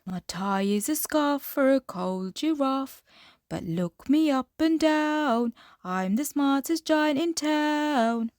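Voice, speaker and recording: Woman acting kind male giant, storybook, slow hearty delivery, cheerful, emphatic, dry sound. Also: fairly high pitch, expressive, a little mellow, no echo. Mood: cheerful singsong.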